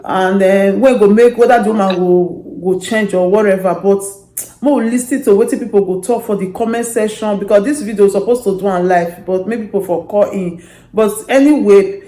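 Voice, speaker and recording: A woman with a Nigerian accent speaking Pidgin as a host, giving casual, animated advice to her audience. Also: medium pitch, moderate pace. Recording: echoey, roomy sound.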